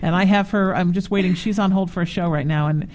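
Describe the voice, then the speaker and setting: Woman, forties, talk show host, chatty, animated storyteller. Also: lowish voice, fast, slight background noise. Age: 40s. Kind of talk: casual talk show chat.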